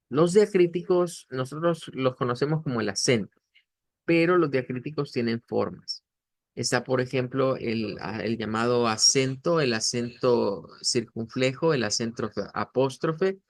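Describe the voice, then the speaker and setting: A man teaching a beginner language lesson, explaining slowly and patiently, with many fillers and restarts. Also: mid-range voice, dry recording, clean studio sound.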